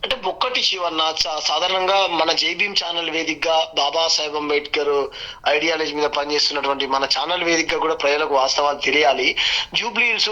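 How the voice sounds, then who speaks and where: A man's voice: on the high side, sharp tone, muffled recording. A man with a Telangana Telugu accent giving an emphatic political campaign speech in an interview, building points through repeated lists. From village in Telangana, India. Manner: emphatic, repetitive, list-building oratory. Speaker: election candidate giving an interview.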